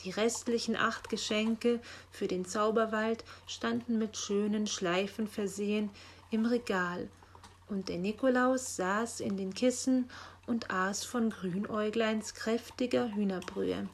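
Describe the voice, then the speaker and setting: A woman narrating a children's story in a calm, gentle reading voice. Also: medium pitch, unhurried, slight background noise.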